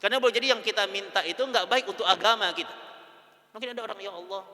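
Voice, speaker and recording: A man preaching a sermon in a mosque hall, lively, swinging between loud emphasis and soft asides. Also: sits high, rapid-fire. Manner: addresses women listeners as "Bu".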